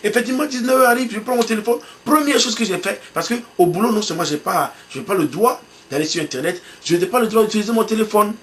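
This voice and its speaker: High-voiced man telling an animated story. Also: fast. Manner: animated storytelling, acts out his own excitement. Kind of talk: sermon illustration told as a story.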